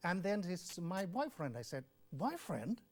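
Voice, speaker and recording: With a high voice and big swings in pitch, this older man speaks at a measured pace as he tells his life story in an interview. He is from Bangladesh and once worked as a health official, serving as WHO country representative. His manner is earnest, marked by repeated words and acted-out quotations.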